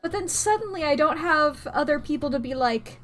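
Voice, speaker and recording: Playful American woman streamer, higher-pitched voice. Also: expressive, moderate pace, fairly bright tone. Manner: playful, rambling, giggly. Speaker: game streamer hosting a livestream. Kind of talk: casual livestream chat. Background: background music.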